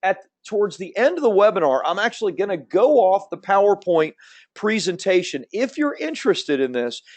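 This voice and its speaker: A webinar host in his fifties from Central Florida, with a slight Southern American accent, rattles through a fast promotional presentation at a normal speaking speed. His voice sits a little high for a man, and he's very animated, upbeat and salesy, as if pitching to an online audience.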